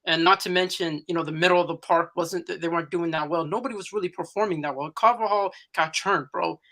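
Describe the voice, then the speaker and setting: A man's voice: fairly high pitch, steady tone, fast, bright, forceful tone. A man giving casual post-match football analysis as a pundit, slangy and repeating himself for emphasis.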